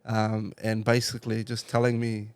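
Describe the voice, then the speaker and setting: A man from Iraq, a car club member talking as a guest in a relaxed casual interview, laughing often and using slang fillers. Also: on the low side, normal speed, clean tone.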